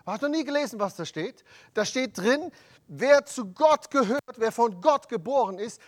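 A man preaching a sermon, emphatic and rising to loud proclamations of scripture. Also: very high voice, animated, normal speed.

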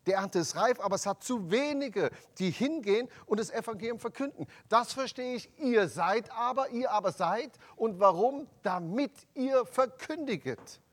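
A man preaching a sermon, emphatic and rising to loud proclamations of scripture. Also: extremely high pitch, animated, normal speed, few pauses.

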